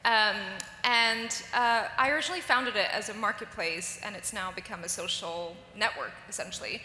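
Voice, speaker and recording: A woman founder who grew up in Singapore speaks earnestly on a conference panel. Her tone is bright and forceful. The hall adds a roomy echo, a long reverb and faint ambience. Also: mid-range voice, normal speed, slight background noise. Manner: earnest and emphatic. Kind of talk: live panel talk.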